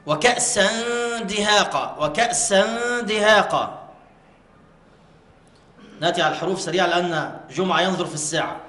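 A man teaching Quran recitation rules, repeating words slowly and drawing them out to show the pronunciation, in a mosque. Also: sits high, bright, forceful tone. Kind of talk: tajweed lesson with demonstrated recitation. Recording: echoey mosque hall.

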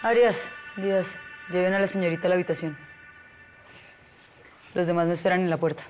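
An actress playing a police captain who gives brisk, firm orders to her officers. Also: fairly low pitch, fairly even intonation, faint music behind, close to an everyday voice. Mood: commanding. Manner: brisk and commanding.

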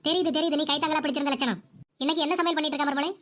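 A woman voicing a sharp-tongued scolding mother-in-law. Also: high-pitched, steady tone. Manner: nagging, sarcastic, rapid scolding. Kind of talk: cartoon voice acting.

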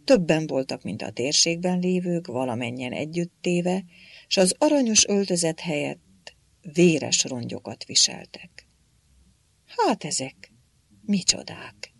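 An audiobook narrator reading a story with expressive delivery. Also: medium pitch, vocal fry, no echo. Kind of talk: scripted narration.

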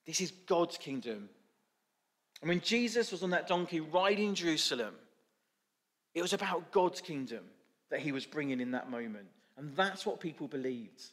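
A man's voice: on the high side, expressive, moderate pace, fairly bright tone. A male preacher giving a sermon, telling a story with informal asides. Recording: echoey church hall.

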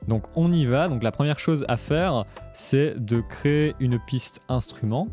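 A man narrates a casual screencast tutorial on music production, explaining each step in turn. His voice is mid-range and darkish, and he doesn't hurry.

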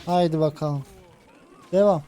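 Man, Turkish accent, gameplay commentary, frustrated muttering, slightly high, very bright sharp voice. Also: a little slow, faint music behind. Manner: frustrated muttering, talking himself through tactics. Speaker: gaming channel host. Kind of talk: let's play commentary.

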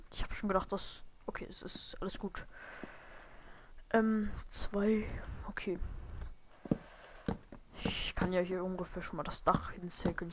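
A woman giving casual gameplay commentary on a desk microphone, muttering and whispering asides to herself, now and then bursting into loud startled shouts. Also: mid-range voice. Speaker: let's play gamer. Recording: noisy home mic with hiss and clicks.

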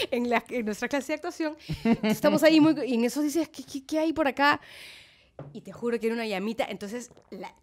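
A woman with a Peruvian Spanish accent, an actress telling anecdotes as a podcast guest in an animated, laughing way. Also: a little high, brisk. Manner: animated, laughing storyteller who acts out quotes. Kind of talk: casual storytelling interview.

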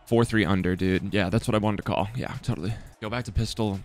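A young man giving casual, self-mocking commentary on his football video game, swearing often and swinging from excited yelling to low mumbling. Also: fast talker, soft background music. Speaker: gaming YouTuber.

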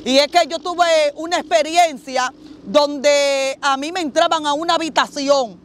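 A woman's voice: high-pitched, fairly even intonation, a little slow, a little hiss or hum. A woman pastor giving an earnest testimony in an interview, often addressing the host by name.

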